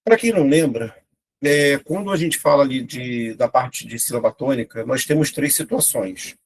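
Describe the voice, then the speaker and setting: A man's voice: mid-range voice, normal speed. A young adult man with a Brazilian Portuguese accent, teaching an online exam-prep grammar lesson and talking straight to his students. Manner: lively, talks to students directly with frequent "né?".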